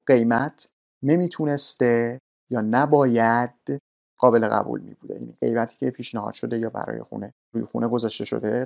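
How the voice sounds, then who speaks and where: Man teaching grammar, patient and polite, with a gravelly edge. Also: medium pitch. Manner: patient, polite, clearly explaining. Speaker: English teacher. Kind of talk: explaining grammar lesson in Persian.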